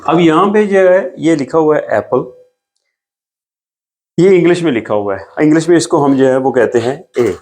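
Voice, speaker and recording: A man teaching a beginner language lesson, explaining patiently step by step and repeating each sound slowly while he writes. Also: a little high, darkish tone.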